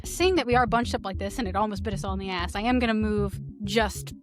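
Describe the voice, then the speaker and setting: A woman playing a tabletop game explains her moves in a brisk, matter-of-fact way. Music plays clearly underneath her voice. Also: mid-range voice. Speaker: player.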